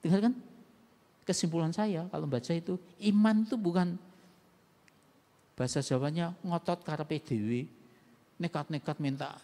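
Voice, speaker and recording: Man, pastor, animated sermon, reverberant church hall. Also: fairly high pitch, moderate pace, pauses often. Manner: animated, acts out quoted voices with sharp swings in loudness. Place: church sanctuary.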